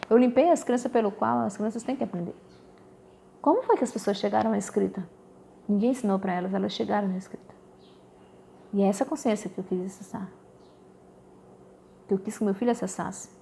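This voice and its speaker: Gravelly-voiced Brazilian woman telling a story. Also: mid-range voice, brisk, long pauses, a little hiss or hum. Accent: Brazilian Portuguese. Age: adult. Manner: animated storytelling, addresses listeners as "gente". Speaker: mother talking about her children and quantum physics. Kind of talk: casual spoken testimony.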